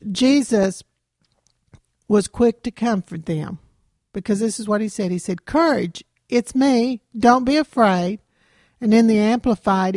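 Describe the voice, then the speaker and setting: A woman teaching a Bible lesson in a relaxed, conversational way, asking her listeners questions as she goes. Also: mid-range voice, no room sound, studio quality. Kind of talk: sermon. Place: small room, no live audience.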